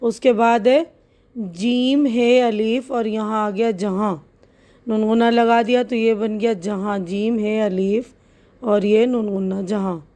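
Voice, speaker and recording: A woman teacher walks through a lesson step by step, spelling each letter out slowly and with patience. Her voice is fairly high but soft and mellow. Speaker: Urdu teacher. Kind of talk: slow step-by-step lesson explanation.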